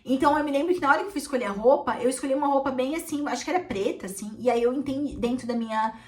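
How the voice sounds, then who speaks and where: A woman's voice: sits high, very fast, a little mellow, far from the mic. Heartfelt woman therapist. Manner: heartfelt and emotional, frequent "né" tags. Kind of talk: confessional personal storytelling.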